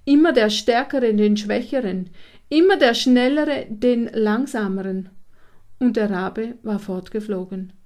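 Woman reading a kids story out loud, slow and expressive, kinda high voice. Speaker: narrator. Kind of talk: storybook read-aloud.

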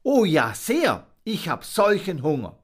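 A man's voice: huge pitch swings, measured pace, husky, exaggerated voice. Fips, a cheeky little monkey boy, as a man puts him on. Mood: eager. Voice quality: high, bright childlike voice. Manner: taunting, then earnest and pleading. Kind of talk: storybook reading.

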